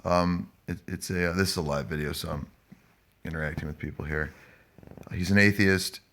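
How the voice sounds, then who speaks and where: Male live-stream vlogger, low gravelly voice, stoned, hazy, halting, casual rambling delivery. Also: fairly even intonation, fairly bright tone, slight background noise.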